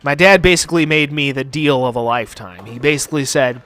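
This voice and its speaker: A young American man hosts a gaming channel from his home basement studio, rambling casually with heavy swearing and plenty of filler words. He talks fast in a medium pitch with a sharp tone, and faint music plays behind him.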